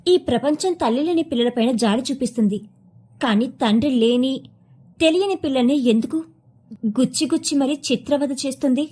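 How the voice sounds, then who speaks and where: A woman narrating a written story in a measured, expressive reading. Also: high-pitched, breathy edge.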